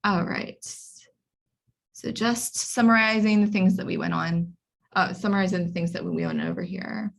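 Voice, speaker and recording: A woman's voice: lowish voice, fairly even intonation, moderate pace, gravelly. A woman teaching an online writing workshop, explaining step by step with frequent ums and restarts. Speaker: library workshop instructor. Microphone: video call.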